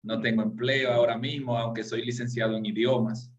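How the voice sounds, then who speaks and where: A man's voice: medium pitch, flat delivery, brisk. Man, ex-pastor, polite intro, muffled call audio. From Dominican Republic. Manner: polite, self-correcting. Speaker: former pastor, student. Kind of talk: class self-introduction.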